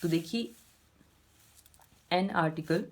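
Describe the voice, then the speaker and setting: A woman's voice: on the low side, slow, a little mellow. A woman with an Indian accent teaching English grammar step by step in a patient classroom style, asking rhetorical questions as she goes.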